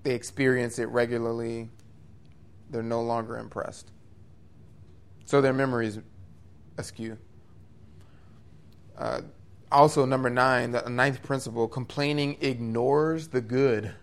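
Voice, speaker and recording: A man preaching a sermon, his voice at a middling pitch. He talks in an earnest, conversational way, lifting his voice for emphasis and dropping into quick asides. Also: steady tone. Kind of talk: expository sermon.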